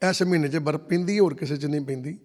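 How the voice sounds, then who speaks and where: A man's voice: on the high side, fast. A man preaching a sermon, telling stories and acting out the dialogue of the people in them. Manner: storytelling, acts out dialogue in quotes. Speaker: Sikh preacher. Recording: long hall reverb.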